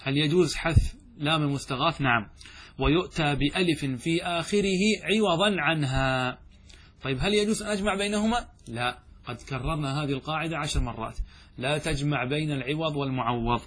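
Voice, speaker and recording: A man with a fairly high, somewhat bright, husky voice teaches a classical Arabic grammar text. He reads lines aloud and explains them, frequently asking questions and answering them himself, and he slows down and stretches out the example phrases.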